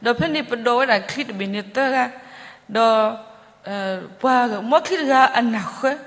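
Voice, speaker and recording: A woman giving a sermon in a church, talking loosely with many pauses and fillers. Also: fairly high pitch. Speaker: preacher. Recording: long church reverb.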